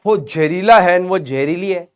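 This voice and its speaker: A man's voice: high voice, a little slow, clean tone. A young man teaching an online chemistry class in a chatty, joking way, mixing explanations with banter aimed at students.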